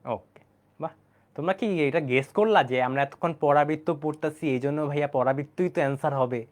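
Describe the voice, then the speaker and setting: A man's voice: fairly high pitch, quick pace. A young man teaching math in an online lecture, chatty and asking his students questions as he goes. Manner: chatty, talks straight to students, asks them questions. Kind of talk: online exam-prep lecture.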